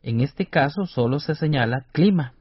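Husky man presenting a radio reading lesson. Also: a little high, expressive, moderate pace, dry recording. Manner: careful, explanatory, over-articulated syllables. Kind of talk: scripted educational radio lesson. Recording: dull dry studio radio recording.

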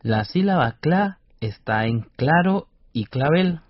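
A man with a slightly husky voice co-presents a radio reading lesson, explaining each step carefully and sounding out syllables slowly and distinctly. The studio sound is dry and a little dull. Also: fairly high pitch, animated, no room sound. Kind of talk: scripted educational radio lesson.

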